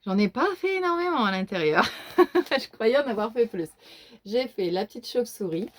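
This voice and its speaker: A woman's voice: a little high, expressive, normal speed. A woman with a regional French accent chatting casually in a vlog, showing her coloring book collection, hesitant with many fillers and restarts. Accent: regional French, which she says is folkloric. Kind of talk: casual show-and-tell vlog.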